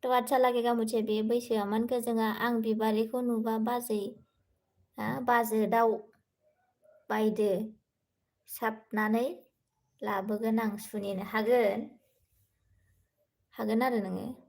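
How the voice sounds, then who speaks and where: A young woman chats on a live stream, reading out viewer comments and answering each one in turn. Her voice sits a little high and stays soft, and she switches easily between languages. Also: level tone, slow, vocal fry, pauses often. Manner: speaking softly, says she cannot talk louder.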